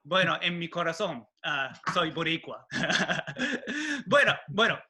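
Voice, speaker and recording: A man hosting an interview, asking questions haltingly with many "ah" fillers. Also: fairly high pitch, animated, breathy edge. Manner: halting, many "ah" fillers, soft murmured replies. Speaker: host.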